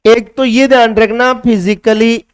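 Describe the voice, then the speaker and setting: A man's voice: extremely high pitch, steady tone, a little slow, smooth, no room sound, clean studio sound. A male chemistry teacher with a Hindi accent, giving a classroom lecture that mixes English science terms into Hindi and asks his students questions before answering them himself.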